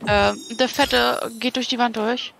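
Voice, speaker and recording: A woman's voice: fairly high pitch, steady tone, unhurried, gravelly, a bit bright. A woman chatting casually with a co-player during a video game. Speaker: let's play gamer. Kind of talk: casual gaming chat with a co-player.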